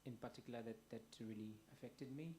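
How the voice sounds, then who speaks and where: A young man from Fiji giving his personal testimony as a guest, soft-spoken and hesitant, with many pauses and restarts. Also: medium pitch, background noise.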